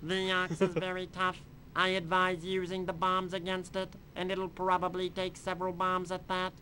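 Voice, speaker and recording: A robot droid official from a cartoon video game, voiced by an actor. It speaks formally and stiffly, like scripted dialogue, with very little movement in pitch. The manner is measured and businesslike. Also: monotone, over loud music, lightly acted, low-quality recording. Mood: advising.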